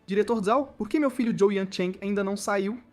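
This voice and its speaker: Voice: medium pitch, fairly quick, a little mellow, faint music behind, lightly acted. A narrator voicing a cold, threatening male corporate tycoon demanding his son back.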